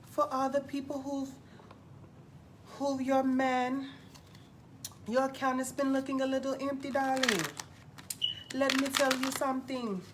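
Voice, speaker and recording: A woman playing a sassy, glamorous TV psychic who hosts a live call-in stream in a campy, drawn-out manner. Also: high voice, level tone. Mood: brassy, attentive. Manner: campy, drawn-out, calls everyone darling. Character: sassy glamorous female TV psychic hotline host. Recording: noisy live stream audio.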